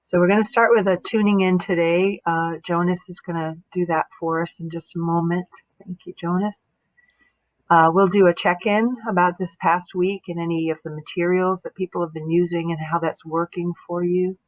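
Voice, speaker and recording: A woman facilitator gently walks a group through the opening of a lesson. Her voice is a bit low for a woman. The recording is very dry and a little muffled. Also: flat delivery, moderate pace, dry recording. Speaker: course facilitator.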